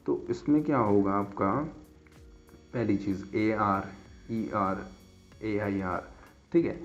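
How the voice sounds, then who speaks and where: A man teaching a lesson on vowel sounds, who keeps checking in with his students and spells example words out slowly. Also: lowish voice, fairly even intonation, soft background music. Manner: repeats "theek hai" as a check-in after nearly every point. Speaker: English teacher. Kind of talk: casual explanatory lesson. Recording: dull lo-fi sound.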